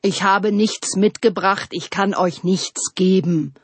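A woman voicing a grumbling, gentle old male autumn spirit in a storybook reading, speaking slowly and softly. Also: mid-range voice, lively intonation, slightly rough, no echo. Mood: calm refusing.

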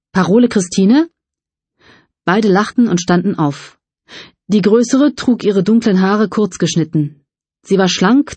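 Breathy-voiced woman narrating a novel. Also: on the low side, a little mellow, no room sound. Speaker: audiobook narrator. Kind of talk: scripted narration.

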